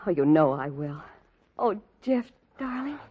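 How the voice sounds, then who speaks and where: Casting: ardent young starlet, swooping husky voice, old radio melodrama, dull recording. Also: female voice, deep voice, sing-song, a little slow, full character voice. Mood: tender, happy. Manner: dramatic, emotional, swooping. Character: young female movie star sweetheart, emotional and ardent.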